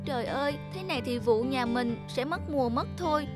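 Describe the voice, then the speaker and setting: A dutiful young village girl in a children's cartoon voiced by a woman, high-pitched and polite. She sounds earnest and a little anxious. Bright kids' music plays behind her. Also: brisk, natural voice. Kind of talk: cartoon voice acting.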